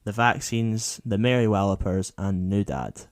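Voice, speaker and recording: A man's voice: fairly low pitch, unhurried. A young man hosting a casual podcast, laid-back and dryly humorous as he moves through the segments. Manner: laid-back, dry humour, runs the segments. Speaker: podcast host. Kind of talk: casual chat. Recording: dry home podcast audio.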